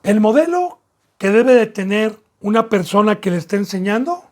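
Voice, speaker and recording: A man's voice: high-pitched, expressive, normal speed, a little mellow. A man with a Mexican accent preaching a sermon as pastor, with emphatic, repetitive phrasing that rises in bursts.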